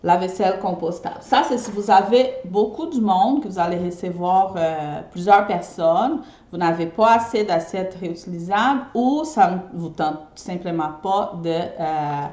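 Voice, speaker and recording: A Brazilian woman whose first language is Portuguese speaks French with a blend of Brazilian and Québécois accents, her fairly low voice warm and at normal speed. An eco-friendly party decorator, she chats casually with viewers during a live video, often asking "ok?" to check in. The room sounds echoey.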